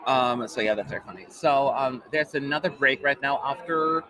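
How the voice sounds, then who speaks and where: A German-born man in his forties living in America hosts a live stream, chatting casually with lots of fillers. His mostly American-sounding speech carries a slight German accent, his voice is medium-pitched at normal speed, and crowd noise is audible.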